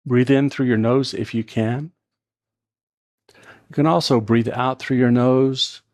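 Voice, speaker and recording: A man leads a tai chi and qigong practice at an extremely unhurried pace. He gives movement and breathing cues in short, calm phrases with space between them. His voice sits at a medium pitch, and the sound is dry, with little room echo.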